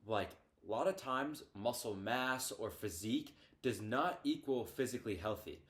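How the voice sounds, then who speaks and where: A man's voice: medium pitch, lively intonation, normal speed, fairly bright tone. A teenage boy co-hosting a podcast in casual chat, talking loosely with many fillers and restarts. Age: teens. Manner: hesitant, lots of fillers and restarts. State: hiccups. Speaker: podcast co-host.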